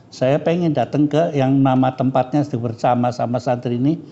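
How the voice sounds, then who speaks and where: A man's voice: mid-range voice, fairly even intonation, normal speed, creaky, dark tone. A man, teaching scripture as a cleric in a casual, joking and frank way. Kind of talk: casual religious study lecture. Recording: dull lo-fi recording.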